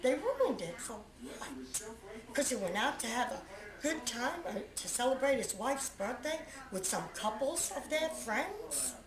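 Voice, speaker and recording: A woman's voice: high-pitched, big pitch swings, unhurried. A middle-aged woman, the mother of a beaten man, being interviewed and talking indignantly, repeating herself as she describes photos. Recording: roomy with crowd noise.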